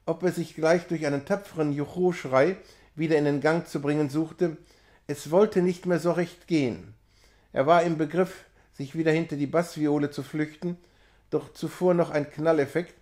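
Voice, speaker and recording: A man reads a classic novella aloud, measured and expressive. His voice sits slightly high for a man. The delivery is steady literary reading. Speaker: reader.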